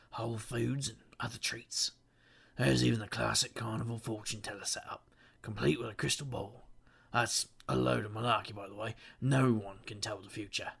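Urban-fantasy detective for audio drama, male actor, husky and gravelly, weary, sardonic noir narration. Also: on the low side, fairly bright tone, heavily acted. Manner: wry, self-deprecating, sardonic. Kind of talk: noir first-person monologue.

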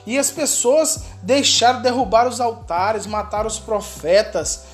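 A woman's voice: on the high side, measured pace, soft background music, natural voice. A woman preacher voicing a distressed, weary male prophet who pours out his grief in a raised, pleading complaint. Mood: anguished.

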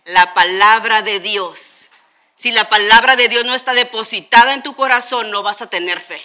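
A woman pastor from Tijuana preaches, acting out scenes and putting questions to her congregation. Her voice is bright and slightly high. She speaks into a stage microphone in a church hall. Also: moderate pace. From Tijuana, Mexico. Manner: animated storytelling, acts out voices and asks the congregation questions. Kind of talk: sermon.

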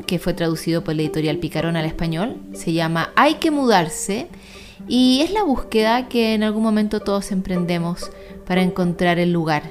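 A woman hosting a book show, presenting a picture book and reading it aloud in a storyteller's cadence. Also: fairly low pitch.

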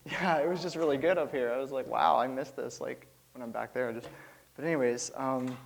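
A man's voice: mid-range voice, brisk, creaky, a little hiss or hum, rough recording. A young man giving an informal church sermon, rambling nervously with lots of fillers and laughs.

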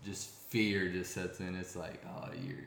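A young man with a somewhat low voice tells a sports story in casual interview talk. He rambles and restarts often. The room around him rings with echo. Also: measured pace, a little hiss or hum. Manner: rambling, many restarts, grows excited. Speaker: former college quarterback guest. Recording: echoey room.

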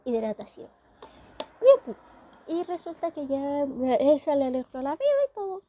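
Chatty Chilean woman with a high voice. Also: animated, fairly quick, dull audio. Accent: Chilean Spanish. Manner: chatty, wry, indignant asides. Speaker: storyteller. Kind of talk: casual story recap.

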